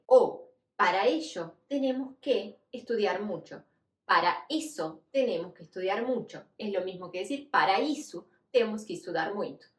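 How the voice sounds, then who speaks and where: A young woman with a Latin American Spanish accent, a teacher patiently explaining grammar and pronunciation with many repeated examples in an online language lesson. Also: mid-range voice. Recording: echoey room.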